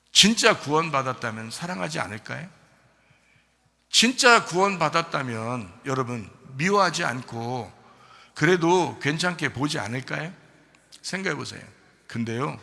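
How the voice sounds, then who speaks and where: A male pastor preaches in a church sanctuary, and his high, very bright voice carries a long hall reverb. He talks to the congregation in a conversational way, full of rhetorical questions, and swings from hushed lines to loud ones. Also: vocal fry. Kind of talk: sermon.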